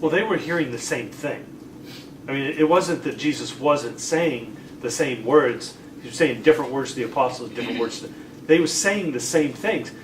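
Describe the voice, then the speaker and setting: A man's voice: mid-range voice, moderate pace. A man in a Bible class answering the teacher's questions thoughtfully, explaining his view. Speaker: class member. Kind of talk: classroom discussion. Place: church classroom. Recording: echoey room, far mic, faint hiss.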